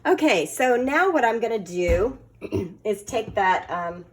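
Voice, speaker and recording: A woman presents a home-style cooking demo in a mid-range voice. She talks casually and haltingly, pausing on fillers, with a playful, flirty streak. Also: medium pitch, animated, slight background noise. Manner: halting, filler-heavy delivery. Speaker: cooking video host.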